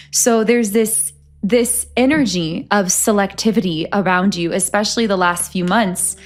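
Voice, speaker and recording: Soft-spoken woman channeling a tarot reading. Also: mid-range voice. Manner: earnest, flowing, self-aware of speaking fast. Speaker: tarot reader. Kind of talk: spiritual channeling monologue.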